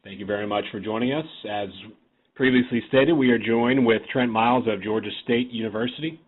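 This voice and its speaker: A man's voice: medium pitch, fairly quick. A man moderating a media teleconference, formal and polite, reading announcements and introducing the guest. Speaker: call moderator. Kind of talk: scripted call moderation. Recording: phone line.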